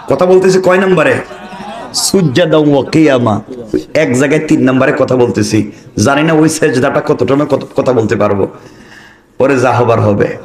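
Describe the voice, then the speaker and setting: A man preacher telling a story in a sermon, slow and dramatic, rising to shouts. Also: medium pitch. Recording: echoey open-air PA sound.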